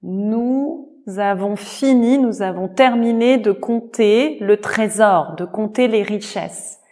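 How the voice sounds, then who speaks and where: A woman voicing a big hungry male troll in a slow, plain storybook voice. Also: mid-range voice, darkish tone, close to an everyday voice. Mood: satisfied. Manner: slow, drawn-out, plainly spoken.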